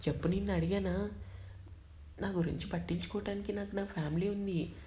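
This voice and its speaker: A woman voicing an angry young male boss who scolds and shouts at his assistant. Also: medium pitch, fairly even intonation, fairly quick, a little hiss or hum, close to an everyday voice. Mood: angry, scolding.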